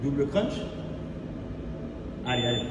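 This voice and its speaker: A man's voice: mid-range voice, lively intonation, unhurried, noisy background. A male fitness coach counting workout reps and calling out moves with short, motivating cues. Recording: very echoey room, distant mic, music behind.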